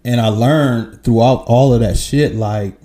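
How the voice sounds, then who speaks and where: Man, forties, very dark mellow voice, candid, profane, laughs easily, casual podcast chat. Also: medium pitch, measured pace. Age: 40s. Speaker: podcast guest.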